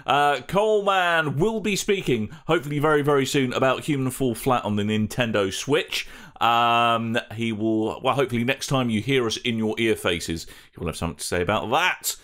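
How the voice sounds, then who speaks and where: A man's voice: mid-range voice, normal speed, fairly bright tone. A man hosting a podcast in casual chat, with a playful, mock-formal way of talking. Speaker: podcast host.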